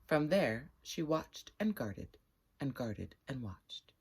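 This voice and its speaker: Chatting with viewers between passages, a woman reads a children's story in a very deep, husky voice. She shapes each phrase deliberately and with expression.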